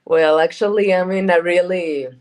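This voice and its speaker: A woman, talking casually as a guest in an interview. Her voice sits fairly low. She speaks haltingly, repeating words and reaching for fillers as she goes. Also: fairly even intonation, a little mellow. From Costa Rica. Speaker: guest, cannabis events organizer.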